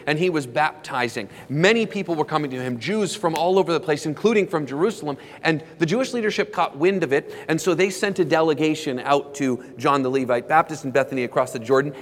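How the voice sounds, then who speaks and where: A male pastor delivers a sermon with a steady, measured cadence, slowing down to stress key words. His voice carries a long reverb from a large hall. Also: on the high side. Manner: measured preaching, slows for emphasis, dramatizes quoted questions.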